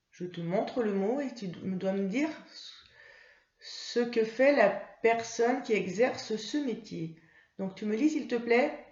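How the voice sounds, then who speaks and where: Slow, patient woman teaching reading. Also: mid-range voice. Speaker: primary school teacher. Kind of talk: reading lesson for first graders. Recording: roomy, slightly dull home recording.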